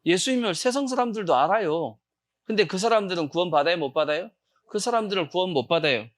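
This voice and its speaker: A man preaching a sermon as pastor of a church, asking his congregation questions, answering them himself, and sometimes breaking into loud acted shouts. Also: high-pitched, lively intonation, fast. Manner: call-and-response questioning of the congregation. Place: church sanctuary.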